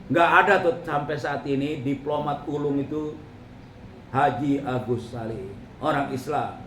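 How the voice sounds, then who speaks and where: A middle-aged man preaching a humorous religious talk to a congregation in a mosque, lively and joking as he addresses his listeners directly. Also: mid-range voice, measured pace. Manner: lively, joking, addresses the audience as ladies and gentlemen. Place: mosque hall. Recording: echoey hall with faint ambience.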